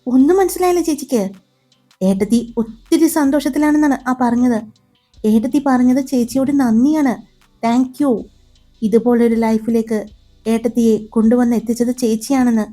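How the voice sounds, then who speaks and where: A reassuring young sister-in-law in an audio love story, voiced by a woman narrator. She explains things in a confident, even way. Her voice is mellow and a little high, with soft music behind. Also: normal speed, lightly acted.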